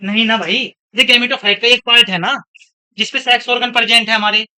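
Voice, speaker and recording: Bright-voiced young male classroom teacher. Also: very high voice, steady tone, fairly quick, smooth. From India. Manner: scolding, chatty, switches between lecture and anecdotes. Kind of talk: classroom lecture.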